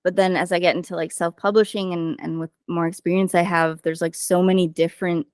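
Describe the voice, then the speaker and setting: A woman's voice: fairly low pitch, flat delivery, a little fast, a little mellow, no echo, clean studio sound. A woman hosting a podcast, chatting casually and leaning on fillers as she talks. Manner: chatty, uses many fillers. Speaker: podcast host and writing coach.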